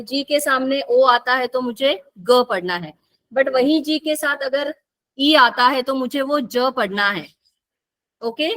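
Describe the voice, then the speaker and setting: A high-pitched woman leads an online phonics lesson. She speaks very slowly and spells words out letter by letter. Her voice is bright and clear. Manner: explains rules slowly with repetition, mixing Hindi and English. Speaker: phonics trainer teaching teachers.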